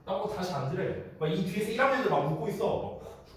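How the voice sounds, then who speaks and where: A man's voice: high voice, fast talker, a little hiss or hum. A man teaching a class, telling a long story and acting out the voices of the people in it. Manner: lively, acts out quoted voices in a storytelling lecture. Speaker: English teacher. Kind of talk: lecture with storytelling. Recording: roomy echo, from a distance.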